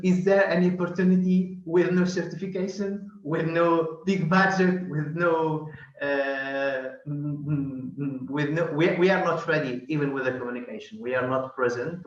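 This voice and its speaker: Man from Tunisia, hesitant, lots of uhs, dull echoey video call sound. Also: medium pitch. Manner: hesitant, many uhs, searching for words. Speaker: caller asking a question.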